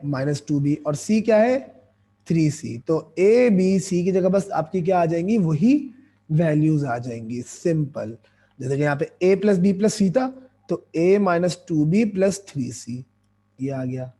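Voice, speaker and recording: A hoarse man teaching a math lesson, explaining each step and asking his students questions as he goes. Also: on the high side, dark tone.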